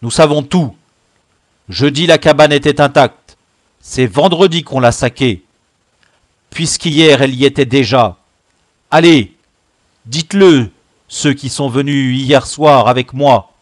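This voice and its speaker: A man reading a storybook who voices a furious boy gang leader, roaring out accusations in a high, loud voice. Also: measured pace, long pauses, no echo, clean studio sound, lightly acted.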